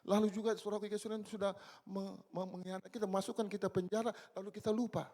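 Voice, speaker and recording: A man in his sixties preaching a church sermon, swinging between loud exclamations and low, quiet asides. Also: little pitch movement, quick pace. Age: 60s. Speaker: pastor. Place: church service.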